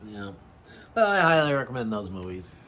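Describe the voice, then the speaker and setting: A man in casual chat recounting a film in a halting, hesitant way with somewhat formal wording. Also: fairly low pitch, sing-song, pushed and bright.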